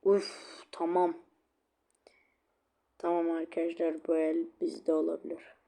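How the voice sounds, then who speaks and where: Male gamer commentator, slow drawling delivery with a dark tone, chatty, irritable about lag, keeps repeating a sing-song catchphrase. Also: on the high side, completely flat delivery, creaky. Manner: chatty, easily annoyed, swears at lag. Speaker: gaming video creator. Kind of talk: casual gameplay commentary.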